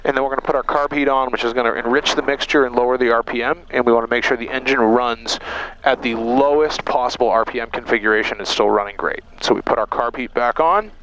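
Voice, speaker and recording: Man instructing over clear cockpit noise. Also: medium pitch, steady tone, fast talker, fairly bright tone, muffled recording. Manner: methodical, explaining each step. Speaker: pilot instructor. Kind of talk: explanatory flight lesson, talking through checklists. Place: small airplane cockpit on the ground.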